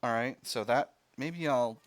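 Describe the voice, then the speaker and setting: A man commentates on his own video game session. His voice sits at an average pitch. He works through decisions out loud, step by step, with mild exclamations. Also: measured pace, no room sound. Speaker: let's play host.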